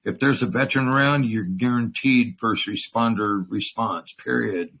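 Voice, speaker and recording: A man's voice: medium pitch, moderate pace, vocal fry, a bit bright, rough recording. A man talking casually and bluntly, swearing freely and firing off rhetorical questions. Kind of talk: casual conversation.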